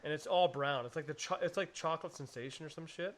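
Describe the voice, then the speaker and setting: A man's voice: fairly high pitch, fast talker, slight background noise. Rambling, swearing man telling a story. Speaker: podcast co-host. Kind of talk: casual chat.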